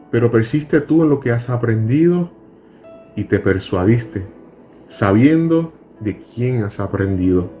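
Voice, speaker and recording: Slow, deliberate male Bible teacher. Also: fairly low pitch, dark tone, highs cut off. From Puerto Rico. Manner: slow, deliberate, reads scripture aloud and explains it.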